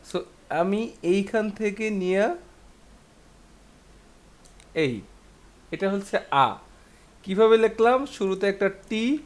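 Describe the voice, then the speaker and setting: Slow, high-voiced man teaching a lesson. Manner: patient, repetitive, drills syllables one by one and asks rhetorical questions. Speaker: language teacher. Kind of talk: classroom lesson.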